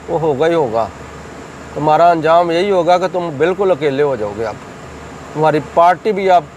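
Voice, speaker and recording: High-pitched, combative male commentator. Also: darkish tone, a little hiss or hum, poor audio. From Pakistan. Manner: combative, accusing, repeats phrases for emphasis. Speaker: political commentator hosting his own channel. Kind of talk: heated political commentary.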